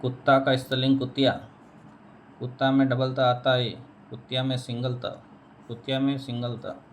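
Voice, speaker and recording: A man's voice: medium pitch, level tone, normal speed, slight background noise. A man teaching a spelling lesson, repeating each word and answering his own questions. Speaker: Hindi teacher.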